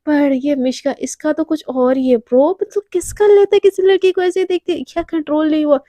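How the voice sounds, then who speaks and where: A woman storyteller narrating in an excited, chatty way. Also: sits high, fairly quick, no room sound.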